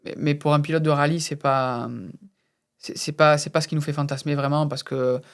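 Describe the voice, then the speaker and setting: A man's voice: on the high side, little pitch movement, normal speed, clean tone. A man from France as a guest on an interview, talking casually and hesitantly, with many fillers and repeated words. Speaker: guest racing driver and instructor.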